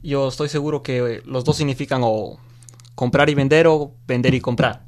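A young man from Ecuador, a student of Chinese, talking relaxed and chatty as an interview guest, laughing easily. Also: mid-range voice, normal speed. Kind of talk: casual interview conversation.

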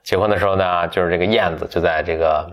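A man casually retelling a fairy tale to a friend, rambling with many fillers and self-corrections, playful and quick to get animated. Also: sits low. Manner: playful, gets animated and laughs. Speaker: storyteller.

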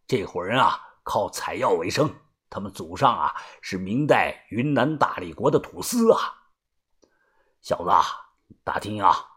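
A man voicing a stern grandfather in his seventies, gruff and scolding in an audiobook story. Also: deep voice, a bit bright, voice pushed down, full character voice.

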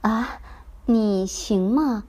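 A woman voicing a gentle, caring mother in a children's story. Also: a little high, very slow. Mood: worried.

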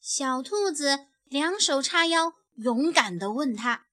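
A woman reading a picture book aloud, gentle and expressive, letting her voice fall softly at the end of sentences. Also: sits high, slow, dry recording, studio quality. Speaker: storyteller.

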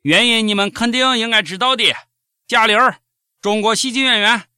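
A man's voice: high voice, normal speed, pushed and bright, clean tone, no room sound, clean studio sound. A man with a Shaanxi accent hosting a satirical comedy news show, narrating in a theatrical, exclamatory way. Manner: theatrical mock outrage, exclamatory.

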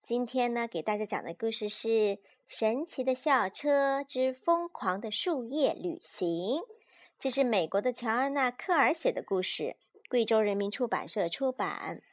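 A young mother reading a picture book aloud to her child at bedtime, patient and animated. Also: on the high side, moderate pace. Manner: gentle, patient, animated storyteller.

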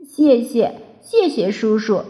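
A woman voicing a small crybaby baby dinosaur boy, speaking in a high, childlike, tearful voice for a storybook reading. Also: very animated, takes it slowly, mellow. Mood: happy. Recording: dull lo-fi recording.

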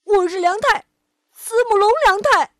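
A woman's voice: very high voice, normal speed, fairly bright tone, dry recording, clean studio sound, pitched above the performer's own voice. A woman voicing a young male tyrannosaur child who stammers and cries as he speaks, in a spoken storybook. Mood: defiant. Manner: crying, stammering.

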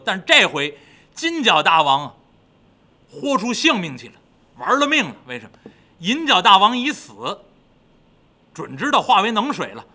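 A man telling a classic tale in a lively, dramatic traditional storytelling style. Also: sits high.

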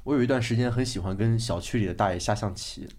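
A man's voice: fairly low pitch, quick pace. A young man co-hosting a casual podcast chat, telling stories with lots of laughter and acting out the people he quotes. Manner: animated storyteller who laughs often and acts out quoted people. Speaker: podcast co-host.

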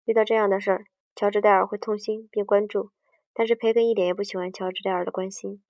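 Talking fast in a darkish, medium-pitched voice with little pitch movement, a woman reads aloud from a book, repeatedly stumbling and backing up to correct herself mid-sentence. The recording comes across dull, dry, and distant.

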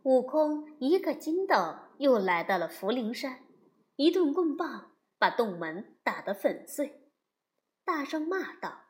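A woman narrating a classic story as a storyteller, lively and unhurried. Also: sits high.

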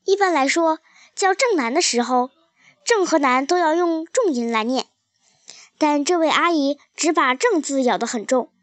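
Woman, storybook narrator, high voice, calm careful reading, dry close sound. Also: normal speed, no echo.

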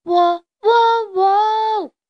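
Storybook part: brash young rooster, loud crowing, high and bright, read by a woman. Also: very animated, normal speed, no room sound, muffled recording. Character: young male rooster, cocky would-be singer.

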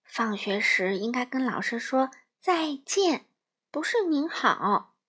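Patient, gentle mother koala, slow and kind, played by a woman. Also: sits high, sing-song, husky, exaggerated voice. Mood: gentle correcting. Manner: gently correcting, drawn-out words.

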